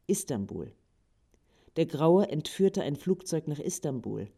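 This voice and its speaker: A man reading a literary text aloud in a calm, measured way. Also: a little high, creaky, husky.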